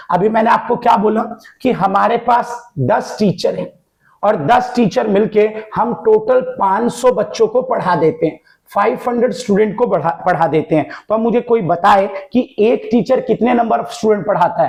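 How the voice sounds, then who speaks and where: A man's voice: sits high, gravelly, a little mellow. A male tutor giving an exam-focused economics lesson, calling students "beta" and repeating each term in two languages. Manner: addresses students as "beta" and "bachcha", repeats points in Hindi and English.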